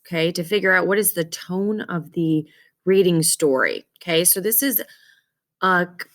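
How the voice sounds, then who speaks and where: A woman teacher giving an instructional reading lesson to children, explaining step by step and often checking that they follow. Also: fairly low pitch. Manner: checks understanding often with okay and questions.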